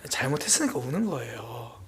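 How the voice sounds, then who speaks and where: A man preaching a sermon as pastor at a Friday prayer meeting, swinging between loud exclamations and hushed whispers. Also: mid-range voice, very animated, a little fast. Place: church sanctuary.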